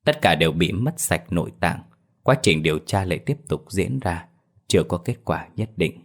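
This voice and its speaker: A man narrating a horror story as storyteller in a slow, dramatic telling. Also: deep voice, lively intonation.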